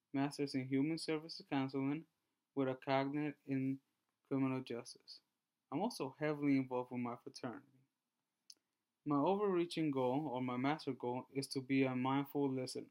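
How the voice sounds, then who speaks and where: A man in his twenties from Honduras, giving a class presentation and reading through his slides in a measured way with small restarts. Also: mid-range voice, a little mellow, smooth. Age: 20s. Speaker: student presenter.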